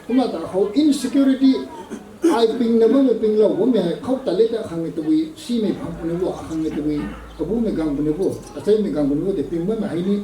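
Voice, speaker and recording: A man preaching a sermon at a prayer meeting, measured and slow, with English words slipped in. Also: high voice, dark tone. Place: prayer gathering hall. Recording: echoey hall, voice from a distance.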